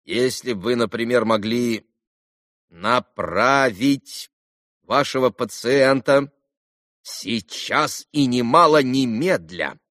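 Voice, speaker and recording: Guy doing a stuck-up doctor, slow and weighty, talks down to people, dry sound. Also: medium pitch, big pitch swings, no echo, voice pushed up. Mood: haughty. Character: haughty, impatient male society doctor.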